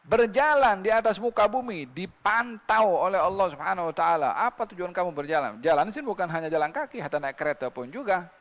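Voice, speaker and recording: A male preacher delivers a sermon in a fairly high voice that keeps catching into a gravelly fry. He recites scripture in Arabic and often checks in with his listeners through rhetorical questions. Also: lively intonation, a little fast, fairly bright tone, long reverb tail. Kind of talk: religious sermon.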